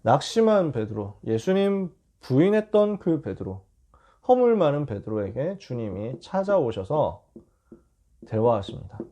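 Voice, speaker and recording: A male pastor giving a casual, animated storytelling sermon to teenagers. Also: medium pitch, a little slow. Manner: casual and animated, acting out scenes.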